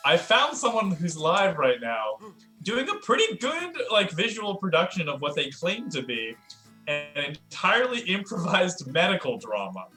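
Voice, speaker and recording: A man's voice: high-pitched, huge pitch swings, moderate pace, sharp tone, roomy sound, faint music behind. A man hosting an improv comedy livestream, chatting casually and joking.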